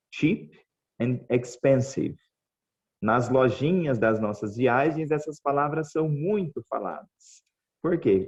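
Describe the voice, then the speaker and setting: A man from Brazil teaching English online, his voice dark and mellow on a slightly muffled recording. He talks patiently and says each word slowly again for his students. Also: mid-range voice. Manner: patient, repeats words slowly for the class, checks in with "tá bom?". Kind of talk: online language class.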